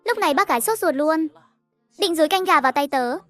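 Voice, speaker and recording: A woman narrating a cartoon story in a steady, even storytelling voice, over faint music. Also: high voice, fairly quick, dry recording.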